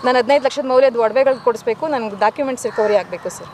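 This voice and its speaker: Widowed woman in her forties, fast and pleading, on the street with loud crows behind her. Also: on the high side, slight background noise. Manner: urgent, pleading, keeps addressing the reporter as sir. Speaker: widow making a complaint to reporters. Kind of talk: news interview statement.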